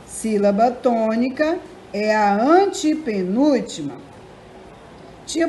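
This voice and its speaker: A Brazilian woman teacher leading a recorded school lesson in a high voice. She speaks slowly and clearly, stressing each syllable as she sounds out words. A faint hum of background noise runs underneath. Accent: Brazilian Portuguese.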